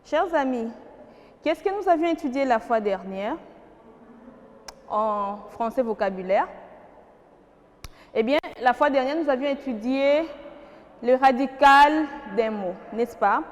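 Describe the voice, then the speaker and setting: A woman's voice: high-pitched, lively intonation, slow, long pauses, long reverb tail, dull audio. A woman with a Congolese French accent teaching a primary school grammar lesson, patient and questioning, repeating key words for the class.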